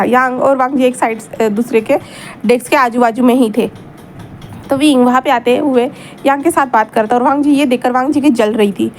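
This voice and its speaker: A high-pitched woman tells a fan story in a loose, chatty way, repeating herself and talking straight to her listeners. A faint ambient hiss sits under her voice. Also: darkish tone. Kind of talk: narrating a fan story aloud.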